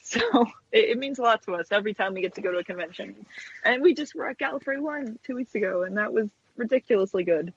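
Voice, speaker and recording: This American interview guest, a stop-motion puppet animator, has a husky, lowish voice and tells anecdotes casually, in a hesitant, meandering way with plenty of "you know." The recording is dry and missing its highs.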